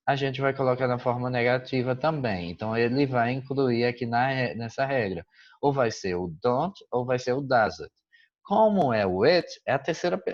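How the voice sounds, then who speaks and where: Professor explicando atividade de inglês bem devagar, sempre perguntando "certo?", som meio abafado. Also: male voice, mid-range voice, muffled recording. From Brazil. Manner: patient, checks in with "certo?" often. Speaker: English teacher. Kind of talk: explaining a school exercise.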